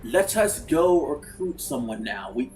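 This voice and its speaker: A man chatting casually while playing a game, swearing freely and breaking into loud outbursts. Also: mid-range voice, unhurried, faint music behind. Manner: animated, swears freely, bursts into shouts. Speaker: gaming streamer. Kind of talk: casual let's-play chat.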